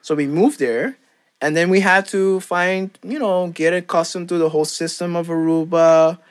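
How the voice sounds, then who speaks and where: A young man from Curaçao in casual chat, talking in a halting, rambling way full of fillers and restarts. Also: on the high side, smooth.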